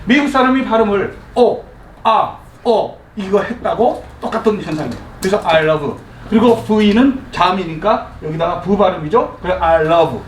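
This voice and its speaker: A man teaching an English class to a live audience in a room, leading them through call-and-response drills in a lively, coaxing way and chuckling as he explains. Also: high voice, normal speed, distant mic. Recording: echoey room recorded from afar, faint ambient noise.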